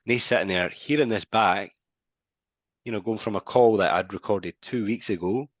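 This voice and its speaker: A man on a podcast, telling stories in a casual, animated way and acting out phone calls. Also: lowish voice, moderate pace, dry recording, highs cut off. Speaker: podcast co-host.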